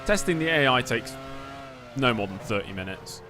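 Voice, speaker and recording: A man's voice: mid-range voice, expressive, moderate pace, noisy background. A man live-streaming a game, giving casual commentary, replying to chat and muttering to himself.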